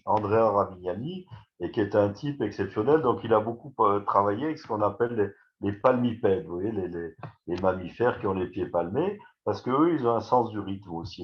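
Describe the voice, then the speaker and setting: Lecturer, male, lowish voice, relaxed chatty delivery with restarts, dull webinar sound. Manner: conversational, many fillers and restarts, addresses listeners directly. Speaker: neurologist giving a webinar talk. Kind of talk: informal lecture.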